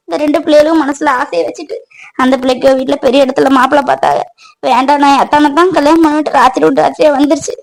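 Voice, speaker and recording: A woman's voice: sits high, creaky, poor audio. A woman voicing a firm, reproachful middle-aged mother in a cartoon family drama.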